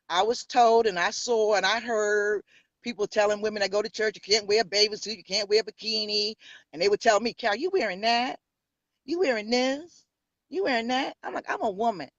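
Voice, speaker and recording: As a pastor appearing as a guest in a relaxed interview, this fiftysomething New Yorker shares her story with boldness and sass in her native New York accent. Her mid-range voice comes across bright and forceful. The recording is close and dry, if slightly muffled.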